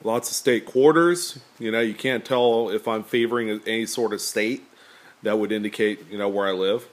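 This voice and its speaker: With the camera aimed at a table and himself out of frame, a coin-collecting YouTuber from California chats to viewers. He has a deep, somewhat nasal voice at normal speed and rambles easily, dropping in plenty of fillers.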